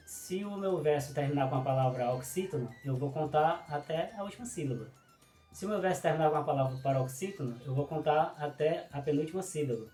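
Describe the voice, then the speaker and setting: A man's voice: fairly high pitch, a little mellow. Patient male teacher. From Ceará, Brazil. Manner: patient, explanatory, stresses syllables slowly, frequent "né". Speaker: cordel poet teaching a workshop. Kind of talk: online lesson. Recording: roomy echo with faint music.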